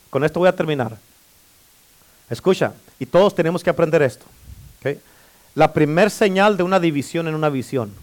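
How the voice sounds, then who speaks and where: A male pastor with a high-pitched voice delivers a lively sermon in church. He calls out for amens and playfully teases his listeners as he preaches. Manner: preaching with call-and-response amens; playful, teasing the congregation.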